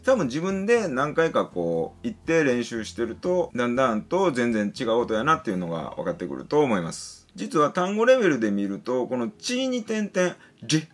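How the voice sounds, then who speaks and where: A man giving a casual pronunciation lesson, patiently explaining and slowly sounding out example syllables and words. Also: medium pitch. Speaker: English pronunciation teacher.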